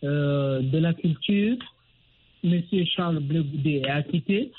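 Formal man calling in by phone. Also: on the high side. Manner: formal, with many pauses and repeated "n'est-ce pas". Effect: phone line. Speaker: radio call-in listener. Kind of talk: call-in opinion on a radio show. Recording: tinny phone line with faint noise and clicks.

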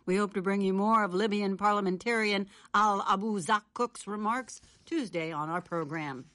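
An American woman reading scripted radio news as an anchor, with a formal, measured news reader delivery. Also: mid-range voice, fairly bright tone, no room sound.

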